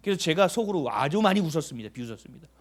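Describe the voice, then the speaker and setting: Male pastor, middle-aged, fairly high voice, storytelling sermon that acts out the dialogue. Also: a little fast. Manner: animated storytelling, acting out dialogue; emphatic rhetorical questions.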